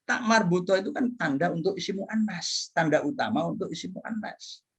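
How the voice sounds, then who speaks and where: A middle-aged male professor lectures in a slightly husky voice that sits a bit high for a man. His pitch swings widely, and he asks and answers his own questions playfully. He keeps dropping in Arabic terms and phrases. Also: expressive, normal speed, fairly bright tone. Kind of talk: lively classroom lecture.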